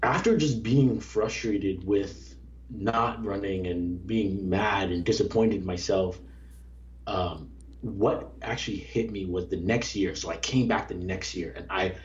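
A young man with a fairly low voice reflects earnestly on his running career in an easygoing interview. He tells his story with frequent restarts. The recording sounds dull and lo-fi. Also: a little slow, a little hiss or hum. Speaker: former Olympic track athlete, guest. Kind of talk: casual interview conversation.

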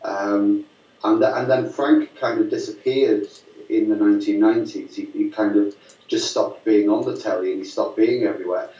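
Low-voiced man, distant roomy sound. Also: steady tone, moderate pace, dark tone, dull audio. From Lancashire, northwest England. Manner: rambling, many fillers and restarts, amused. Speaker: filmmaker guest. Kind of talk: casual storytelling interview.

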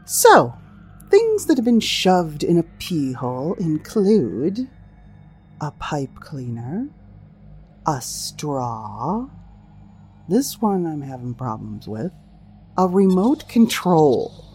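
A woman's voice: deep voice, wildly swooping pitch, slow, long pauses, mellow, husky. A woman hosting a humorous solo talk show, speaking in a wry, teasing way with theatrical asides to listeners. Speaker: host of a sex-topic show.

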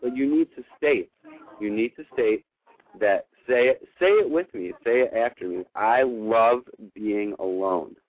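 With a mid-range voice, big pitch swings, and a moderate pace, this radio host gives callers advice in the manner of a spiritual coach, earnest, emphatic, and affirming. The audio is narrow, like a phone line.

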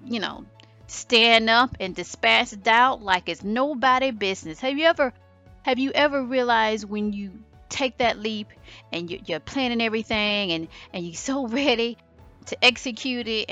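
A woman's voice: a little high, lo-fi sound. A woman hosting a motivational podcast, talking emphatically and acting out little voices of doubt and fear. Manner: animated and emphatic, acts out inner voices. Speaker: podcast host.

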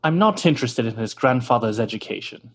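A man's voice: mid-range voice, animated, brisk. An actor playing a vain, pompous male stage actor who talks theatrically and scoffs, in an old-time radio drama.

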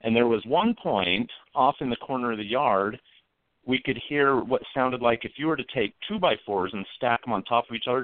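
A man who grew up in the mountains, telling a campfire-style story as a radio show guest in an earnest, measured way. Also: medium pitch, no echo. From American mountain country. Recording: tinny phone line, dry.

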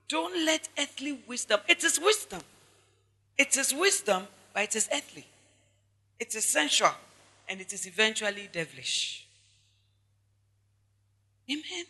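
A woman's voice: on the high side, bright, forceful tone, breathy edge, big-room sound. A woman pastor with a Ghanaian accent preaching a sermon, stressing her points by repeating them and speaking straight to the congregation. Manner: emphatic preaching with repetition and asides to the congregation.

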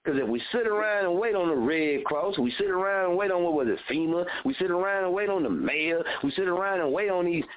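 Man in his thirties, radio host, blunt motivational talk, fairly high voice, tinny phone-line audio. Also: animated, fairly quick, few pauses. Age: 30s. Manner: preachy, fired-up, repetitive and blunt, with cursing.

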